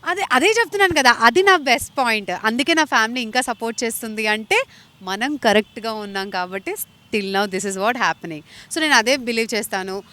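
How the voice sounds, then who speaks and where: Young woman, from India, bright tone, earnest, interview answers, slips into English phrases. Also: on the high side, lively intonation, a little fast. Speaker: actress interviewee.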